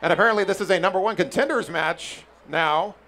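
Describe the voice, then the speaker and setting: A man calling a wrestling match as play-by-play commentator, in an energetic, excitable manner. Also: sits high, fairly quick.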